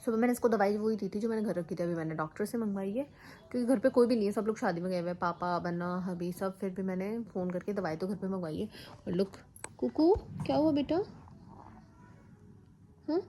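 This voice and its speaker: Recorded on a phone in a bedroom, this casual home vlog features a young woman talking fast and softly about her sick child, slipping into a higher voice to coo at him. A slight hiss or hum can be heard.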